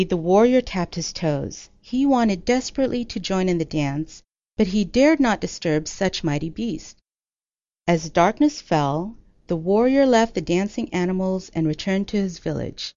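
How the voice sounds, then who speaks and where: A woman narrating a folktale in a measured, expressive reading. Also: lowish voice, dry recording. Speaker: storyteller. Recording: dull lo-fi audio.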